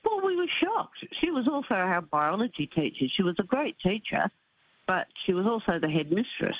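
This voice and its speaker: A woman's voice: medium pitch, sing-song, moderate pace, husky, dry recording. Dull phone-line older Australian woman, missing front teeth. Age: 70s. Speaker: radio phone-in caller. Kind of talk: casual anecdotes and advice. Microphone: telephone. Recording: dull, muffled phone call.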